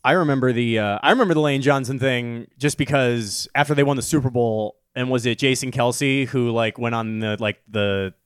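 A man's voice: mid-range voice, moderate pace, hardly any pauses, smooth, dry recording, clean studio sound. A man co-hosting a podcast, chatting casually with teasing, joking banter. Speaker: podcast co-host.

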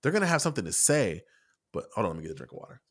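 Man, lowish voice, rambling podcast talk, restarts a lot, swears casually. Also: big pitch swings, racing, fairly bright tone, breathy edge. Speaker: podcast co-host and article writer.

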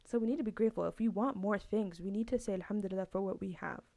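A woman's voice: medium pitch, fast talker, gravelly, mellow, no room sound. A woman hosting a podcast, giving a casual, earnest religious talk that repeats its points. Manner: earnest, repetitive, conversational. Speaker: podcast host.

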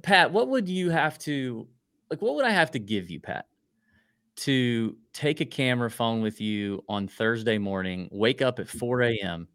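A man's voice: fairly low pitch, clear, resonant tone, no room sound, studio quality. A man hosting a show in a casual, chatty style. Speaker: show host. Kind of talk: casual sports-betting chat.

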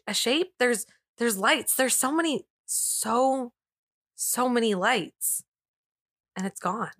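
Co-hosting a podcast, a woman trades casual chat and stories in a playful, slangy, informal style. Her voice sits in the mid range and carries a bright, forceful tone.

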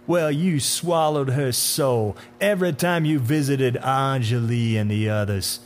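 Playing the dark-suited, otherworldly bringer of death in a horror audiobook, a man sounds furious and accusing, his mid-range voice expressive and creaky. The character is smooth-talking, menacing and taunting, firing off theatrical, deliberate, sneering questions over an audible hum.

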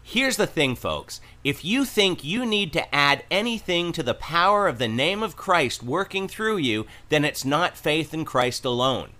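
A man's voice: on the high side, big pitch swings, measured pace, few pauses, bright, forceful tone. A man hosting with scripted religious commentary, speaking in an admonishing, declarative way.

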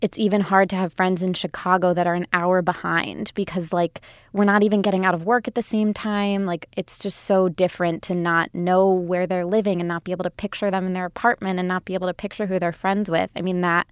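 A woman's voice: on the low side, level tone, brisk, smooth, no echo, studio quality. A woman in her twenties hosting a casual podcast chat, talking easily and laughing often. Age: 20s. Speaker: host.

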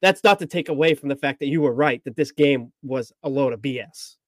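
Measured, agreeable podcast co-host man. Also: mid-range voice, no room sound. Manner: measured, agreeable, tempers his partner's claims. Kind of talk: casual sports podcast chat.

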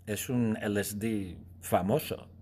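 A male teacher telling a silly story to learners, slow and repetitive, playful, with sound effects and laughs. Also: fairly low pitch, fairly even intonation, a little mellow, breathy edge. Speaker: language teacher.

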